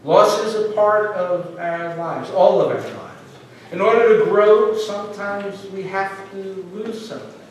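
Middle-aged male minister, light high voice, preaching earnestly with pauses; echoey hall, mic at a distance. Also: a bit bright, a little hiss or hum. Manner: earnest, conversational preaching with pauses and slow emphasis. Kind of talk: sermon. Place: church sanctuary.

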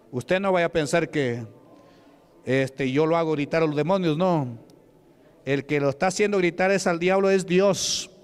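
A man from Peru with a Peruvian Spanish accent, preaching at a church deliverance service, shouting commands and chanting repeated praises. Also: a little high, smooth.

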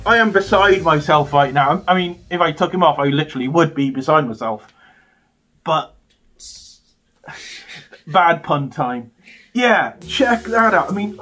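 A man vlogging in an excited, gushing way, his voice muffled through a costume head. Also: high voice. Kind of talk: excited unboxing vlog.

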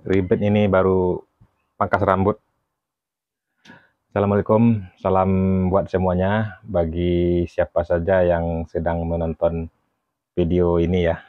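A man, a painter giving a casual tutorial, relaxed and chatty with many fillers and self-corrections. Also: sits low, unhurried, long pauses, no room sound. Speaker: painter explaining how to price artwork. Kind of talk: casual talking-head tutorial. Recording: dry, dull lo-fi sound.

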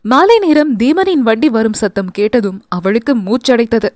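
Woman, audio novel narrator, high voice, very expressive, dry close mic. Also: normal speed, dry recording. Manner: expressive, animated reading. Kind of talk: scripted storytelling narration.

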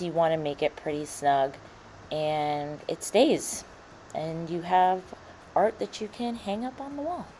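A woman's voice: low voice, darkish tone. A woman in her thirties hosting a casual room makeover vlog, chatting and explaining things step by step. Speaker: host and room designer. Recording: background music under the voice. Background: music.

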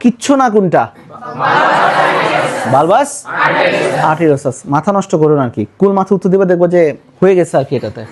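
With a Bangladeshi Bengali accent and a notably high voice, a man teaches biology through call-and-response, repeating the same questions and urging students to answer louder while mixing English words into his explanations. His intonation is lively and brisk, with long pauses and a little hiss or hum in the recording.

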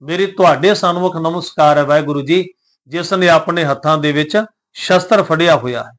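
With a high-leaning, fairly bright tone, this scripture teacher chants each verse slowly and then breaks it down word by word. He remains devout throughout, politely addressing his audience.

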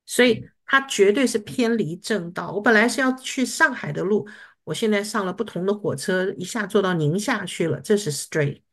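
A woman's voice: mid-range voice, animated, moderate pace. A woman teaching English vocabulary to a class, explaining patiently and often checking that students follow. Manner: patient, checks understanding with repeated questions.

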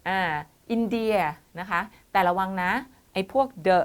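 A woman's voice: medium pitch, fairly even intonation, measured pace, smooth. A woman teaching an online IELTS writing lesson, explaining step by step and calling her students "child".

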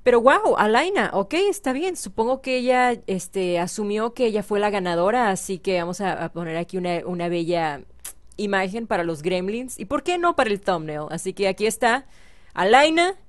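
A woman's voice: mid-range voice, animated, normal speed, no room sound. A young woman giving chatty, playful commentary on a life-sim game and talking to the characters. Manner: chatty, hums and sings along, talks to game characters. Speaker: gaming YouTuber.

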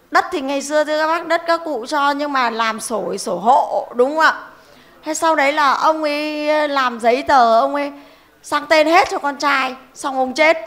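A middle-aged woman with a fairly high voice tells cases to an audience of elders in a homely, rhetorical style. She keeps pausing to ask her listeners to agree with her before going on. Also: sharp tone. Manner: folksy, rhetorical, keeps asking the audience "right?". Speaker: legal advice speaker at a club talk. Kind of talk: storytelling talk to an older audience.

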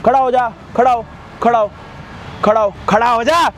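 A man's voice: very high voice, steady tone, normal speed, soft background music. A young man, angrily interrogating and threatening someone over and over in a staged confrontation video. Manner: aggressive, repetitive interrogation. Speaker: confronting vigilante.

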